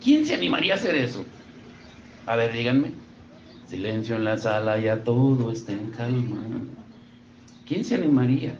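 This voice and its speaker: A man's voice: medium pitch, lively intonation, moderate pace, pauses often, darkish tone, highs cut off, a little hiss or hum. A middle-aged man with a Mexican accent, a pastor giving a conversational sermon and asking his congregation questions. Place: church service.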